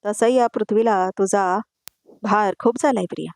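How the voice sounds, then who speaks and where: A woman voicing a stern, vengeful young wife who speaks coldly and deliberately, in a voice-over retelling. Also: medium pitch, vocal fry, darkish tone, no echo, natural voice.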